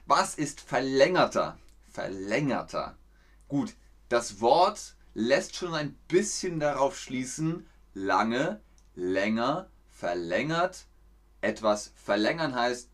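An Austrian man with a slightly low, somewhat bright voice hosts a livestreamed dialect quiz. He teaches dialect words in a playful, encouraging way.

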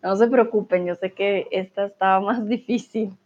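A woman's voice: mid-range voice, fairly even intonation, moderate pace, darkish tone. A woman teaching a live online grammar lesson, patiently drilling verb conjugations aloud and reassuring her students. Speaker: Spanish teacher. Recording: slightly dull lo-fi sound.

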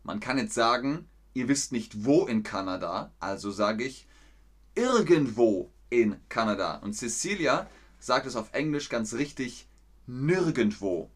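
A man teaching German in a live lesson, answering viewers' chat questions slowly and clearly with encouragement. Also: mid-range voice, expressive, fairly bright tone. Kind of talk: live-streamed language lesson.

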